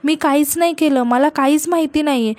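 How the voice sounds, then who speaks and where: A woman's voice: sits high, brisk, darkish tone, dry recording, lightly acted. Pleading frightened mother-in-law, read by a woman. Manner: pleading, panicked.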